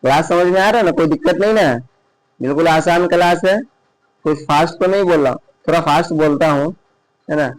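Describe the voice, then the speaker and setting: A man's voice: on the high side, dry recording, poor audio. Patient man teaching letters online. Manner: patient, drills letter names slowly, asks and answers himself. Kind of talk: online lesson reading letter names. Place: indoor online class recording.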